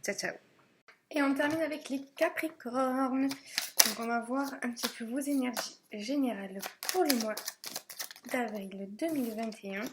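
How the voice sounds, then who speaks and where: A woman's voice: on the high side, unhurried, very noisy. Chatty woman reading tarot cards. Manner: chatty, hesitant, many fillers and restarts. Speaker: tarot reader. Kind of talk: casual monthly tarot reading to camera.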